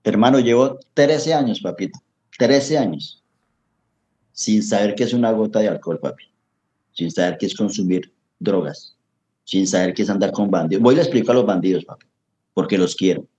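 A man's voice: lowish voice, normal speed, warm tone, dull audio. A middle-aged Colombian man with a Colombian accent, giving an earnest, preachy personal testimony in an interview and often calling the host brother. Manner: earnest, preachy, calls the host papi and hermano. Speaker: interview guest. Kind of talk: emotional testimony in casual chat.

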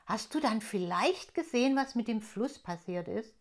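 A woman reading aloud, voicing a curious little girl elf from a children's storybook in a high, eager voice. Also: expressive, moderate pace.

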